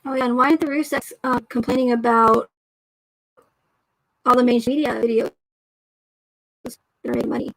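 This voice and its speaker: A woman's voice: fairly high pitch, fairly even intonation, normal speed, long pauses, a bit bright, dry recording, poor audio. A woman hosting a casual livestream, chatting with viewers in a rambling, hesitant way with many restarts. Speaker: livestream host. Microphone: home microphone.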